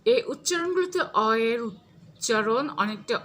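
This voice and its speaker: A woman teacher giving a slow, patient grammar lesson, listing examples one word at a time. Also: a little high, lively intonation, a bit bright, a little hiss or hum.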